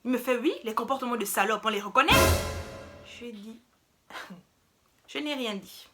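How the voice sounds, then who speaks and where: A young woman telling a story in a casual, animated, slangy way. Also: on the high side, a little slow, over loud music. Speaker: vlogger.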